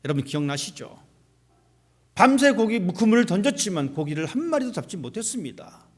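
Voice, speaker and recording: A man's voice: sits high, big pitch swings, brisk, husky. A male pastor preaching a sermon in a church sanctuary, asking the congregation rhetorical questions. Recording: long hall reverb.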